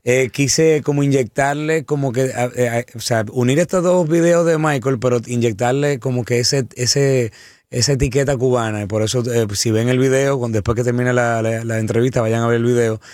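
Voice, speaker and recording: A man's voice: medium pitch, steady tone, fairly quick, darkish tone, no room sound, clean studio sound. A man, a singer, chatting eagerly in an interview, often repeating and restarting words. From Dominican Republic. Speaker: singer guest. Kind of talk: casual interview chat.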